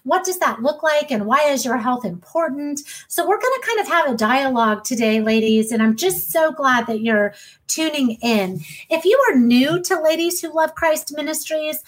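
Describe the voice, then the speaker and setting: A woman in her thirties hosting a podcast in an enthusiastic, warm way, with frequent ums. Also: sits high, lively intonation, moderate pace, rough recording. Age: 30s. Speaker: podcast host. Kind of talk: casual podcast talk.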